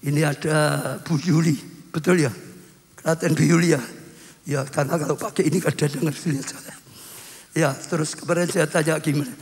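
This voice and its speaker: A man from Indonesia preaching a sermon as pastor, animated, acting out dialogue and repeating phrases. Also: fairly high pitch, a little fast. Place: church hall. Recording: long reverb of a church hall.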